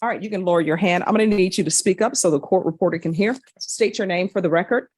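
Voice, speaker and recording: A woman's voice: lowish voice, darkish tone, breathy edge, no echo. Woman judge in a dry courtroom recording. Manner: measured, procedural, plainly spoken. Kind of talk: formal court proceedings.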